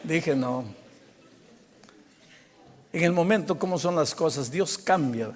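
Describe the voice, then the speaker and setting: A male pastor telling a story in a sermon, animated, swinging from loud bursts to hushed, quiet passages. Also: on the high side, normal speed, background noise. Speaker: pastor, preacher. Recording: long hall reverb.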